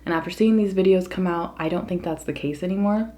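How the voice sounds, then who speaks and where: A woman's voice: fairly low pitch, fast talker, dark tone. An American woman talking casually to her viewers in an opinion monologue, earnest and emphatic. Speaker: mukbang vlogger.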